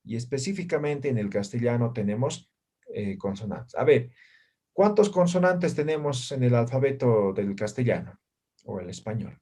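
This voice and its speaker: A man's voice: mid-range voice, very animated, normal speed, warm tone. A man teaching an introductory language class, who keeps checking in with his students through short tag questions. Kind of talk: classroom lecture.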